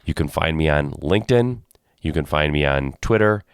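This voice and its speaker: Though sick, this podcast host is chatty and energetic in a casual live Q&A, often repeating phrases. Illness pushes his bass voice deeper than usual; it's clear and resonant at a normal speed. The recording is dry, with clean studio sound.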